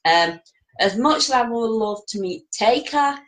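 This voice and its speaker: A woman co-hosting a relaxed chat. She speaks hesitantly, with many ums, and mostly chimes in to agree. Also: on the high side, unhurried, rough recording. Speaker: podcast co-host. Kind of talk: casual chat.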